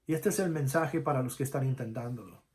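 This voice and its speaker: A man preaching a sermon as a pastor, going from soft, low talk to loud, high peaks and acting out the lines of Bible figures. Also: fast talker. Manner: acts out Bible figures' lines in quoted speech.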